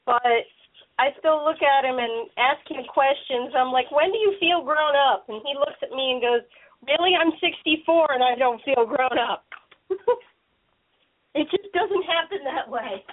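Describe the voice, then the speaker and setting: A woman around thirty, co-hosting a casual chat in a relaxed way and laughing easily. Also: high-pitched, a little slow. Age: 30s. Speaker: podcast co-host. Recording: tinny phone-like line.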